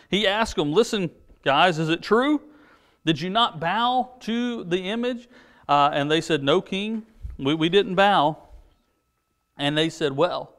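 An American man with a high, light voice teaches a children's church class. He retells a Bible story casually, slipping into quick paraphrased voices for the characters. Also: a bit bright.

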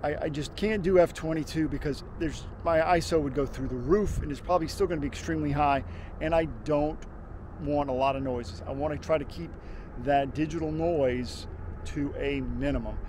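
Speaking at a moderate pace in a fairly high voice, a man in his fifties talks casually about his camera settings outdoors on a windy hilltop. He is a landscape photographer on a lapel mic, relaxed and thinking aloud with fillers and restarts.

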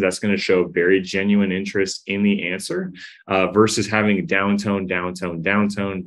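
Deep-voiced guy explaining sales calls, coachy, says "right?" a lot. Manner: coaching, demonstrates tones, says "right?" and "we wanna" often. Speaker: sales trainer. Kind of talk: instructional talk.

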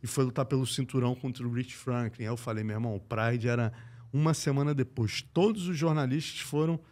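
A middle-aged man with a Brazilian accent, a guest telling a sports story in slangy, profane speech. He swings between loud and hushed and acts out the voices in his quotes. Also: medium pitch, fairly quick. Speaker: podcast guest, combat sports journalist. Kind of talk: animated anecdote telling.

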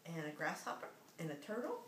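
A woman's voice: fairly low pitch, big pitch swings, brisk, recorded from a distance, a loud crowd. An older woman, a grandmother, reading a picture book aloud to small children in a coaxing, sing-song manner and making playful animal sounds. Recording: echoey, noisy home video.

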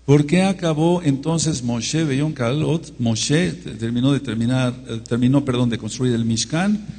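A male preacher leads a scripture study in an emphatic, drawn-out way and breaks off often to address his listeners. His voice is mellow and slightly husky. It rings with the long reverb of a large hall. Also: mid-range voice. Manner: emphatic, drawn-out teaching with frequent asides. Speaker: teacher of a Torah study. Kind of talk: Bible study sermon.

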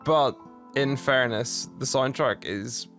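A man's voice: medium pitch, slow, fairly bright tone, faint music behind. Chatty man playing a game. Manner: chatty, laughs easily, rambling asides. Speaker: streamer. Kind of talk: let's play commentary.

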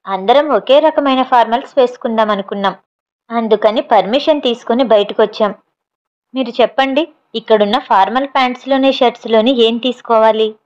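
A woman's voice: fairly high pitch, fairly quick, a little mellow, lightly acted. A woman voicing a playful young woman officer who presses insistently for an answer, on a slightly dull recording.

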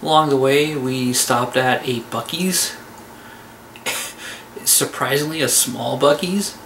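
Man, 40s, casual, relaxed voice-over, middle pitch, noisy home room. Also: takes it slowly, creaky. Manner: relaxed, offhand, trailing fillers. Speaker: vlogger. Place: small cluttered room at home, indoors.

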